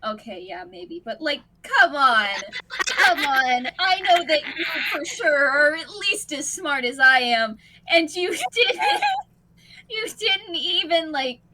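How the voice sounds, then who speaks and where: A woman's voice: high-pitched, sing-song, slow, sharp tone, pitched above the performer's own voice, exaggerated voice, low-quality recording. Woman voicing an exasperated, protective man. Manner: exasperated lecturing. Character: fussy protective adult man scolding a child.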